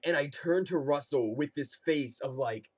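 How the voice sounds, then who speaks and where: A man's voice: a little high, moderate pace. A young man casually telling a humorous personal story, animatedly acting out his reactions. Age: young adult. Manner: animated, acts out quotes and reactions. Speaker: comedic storyteller.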